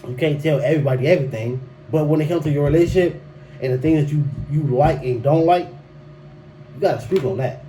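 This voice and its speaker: Slightly high and brisk, this young man's dark-toned voice comes through poor audio with faint background noise. He hosts a solo podcast offering relationship advice, speaking in a loose, repetitive, emphatic way with frequent restarts and plenty of "bruh" and other slang.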